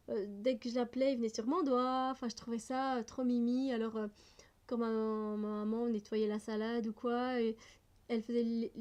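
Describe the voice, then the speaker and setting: A woman's voice: fairly high pitch, mellow. A woman vlogger reading out personal questions and answering them in a casual, chatty way, often laughing and hesitating.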